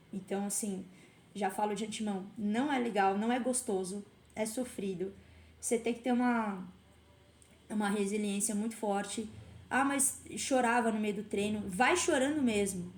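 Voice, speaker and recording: A woman's voice: medium pitch, a little mellow. A woman guest on a podcast, telling her story in a reflective, conversational way. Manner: reflective, storytelling with quoted self-talk. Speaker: podcast guest, karate teacher. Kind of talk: casual interview conversation. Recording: roomy echo.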